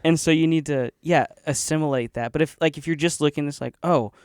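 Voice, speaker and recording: Man, podcast co-host, a bit higher voice, laughs a lot, dry sound. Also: clear, resonant tone, dry recording. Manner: laughs often, quick agreeing replies. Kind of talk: casual conversation.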